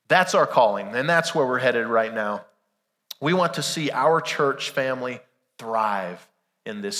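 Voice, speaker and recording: Man, pastor, Sunday sermon, weak strained sick voice, sharp bright tone, conversational, rhetorical questions, echoing church hall. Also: medium pitch. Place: large church room during a service. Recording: reverberant hall sound.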